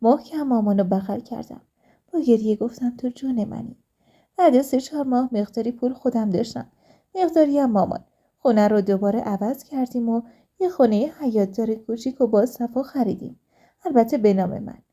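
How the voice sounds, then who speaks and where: A woman narrating a first-person life story in a calm, steady reading voice. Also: a little high.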